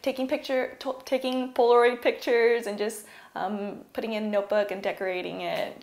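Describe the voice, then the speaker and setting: A woman's voice: on the high side, darkish tone, echoey room. A young woman from California giving a casual presentation about her studies, often saying "like" and "um". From California, USA. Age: young adult. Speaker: university student. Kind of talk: presentation talk.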